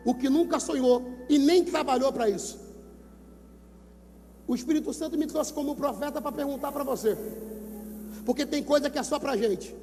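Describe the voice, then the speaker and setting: High-voiced preaching Brazilian pastor, booming hall. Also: male voice. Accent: Brazilian Portuguese. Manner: emphatic preaching, repeats numbers, urges listeners to shout. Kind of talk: sermon at a youth event. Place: large gymnasium. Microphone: handheld microphone. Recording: long gymnasium reverb.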